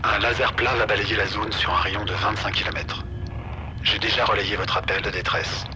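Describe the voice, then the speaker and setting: A man's voice: fairly low pitch, normal speed, background noise. A man voicing a dry station operator over the radio. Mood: calm. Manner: calm, dry, matter-of-fact. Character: calm, dry-witted male station operator. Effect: heard over a radio link.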